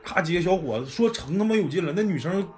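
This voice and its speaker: A man's voice: high voice, lively intonation, quick pace, darkish tone, soft background music. Northeastern Chinese man, blunt storyteller. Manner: blunt, swears freely, colloquial. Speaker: podcast storyteller. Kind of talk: casual storytelling chat.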